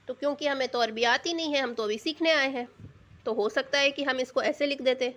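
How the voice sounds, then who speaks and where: Patient woman teacher with a higher voice. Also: fairly bright tone. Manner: patient, repeats key terms and asks rhetorical check questions. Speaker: Arabic grammar teacher. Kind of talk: explanatory lesson in Urdu.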